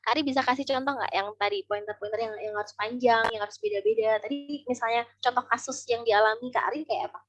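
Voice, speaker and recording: A woman's voice: a little high, steady tone, fast, few pauses. A woman speaker in a webinar, explaining public speaking and voice-over tips with demonstrations. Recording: dull online call audio.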